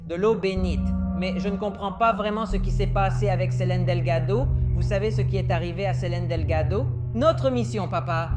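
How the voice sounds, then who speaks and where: A man playing a horror video game with his father, giving bossy, joking directions in a let's-play. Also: high-pitched. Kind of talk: excited let's play chatter.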